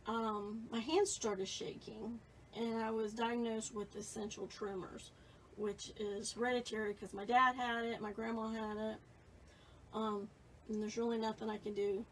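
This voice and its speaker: Woman in her late fifties, painting instructor, casual chatty tone, slightly high voice, faint background noise. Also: level tone, a little slow, distant mic, poor audio. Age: 50s. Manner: casual, chatty, reads viewer comments. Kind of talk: live painting tutorial.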